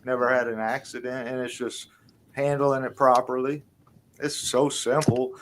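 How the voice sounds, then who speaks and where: A man's voice: medium pitch, flat delivery, moderate pace, crowd noise. A man in a casual stream chat who talks emphatically and often ends his phrases with "man.". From Louisiana. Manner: emphatic, repeats "man", confident predictions.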